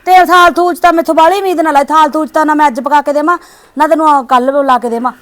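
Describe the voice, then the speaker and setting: A woman's voice: high-pitched, steady tone, fast, fairly bright tone. A woman playing a cold, nagging daughter-in-law who scolds and dismisses her mother-in-law. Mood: scolding. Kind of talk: village short-drama acting.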